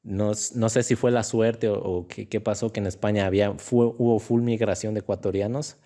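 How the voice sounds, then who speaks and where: Speaking in a lowish voice at a normal pace, a young interview guest from Ecuador spins stories in a relaxed conversation. He laughs a lot and performs the voices of the people in his tales.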